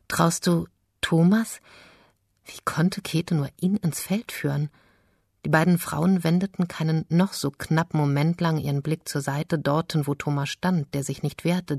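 Soft, low-voiced woman reading an audiobook. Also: no echo, clean studio sound. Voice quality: soft, delicate. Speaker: author reading her own novel.

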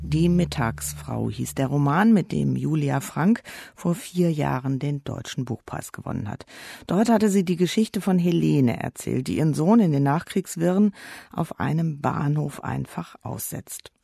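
A man hosting a radio book show, presenting titles in a calm, informative, scripted way. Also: on the high side, a little slow, creaky, breathy edge, no room sound, clean studio sound.

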